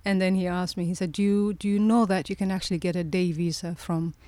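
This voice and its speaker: A woman in her forties from Somalia speaks as an interview guest, her voice sitting fairly low. She tells her story reflectively, circling back on words and laughing softly now and then. The sound is close and dry, with no room around it. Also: level tone, fast, no room sound. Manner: reflective, with frequent restarts and soft laughs. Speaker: guest, presidential candidate.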